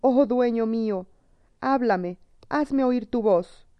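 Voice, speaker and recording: A woman's voice: fairly high pitch, a little slow. A cruel sorceress queen from an old storybook, her voice theatrical and imploring, read by a woman. The sound is dull and lo-fi, with no room echo.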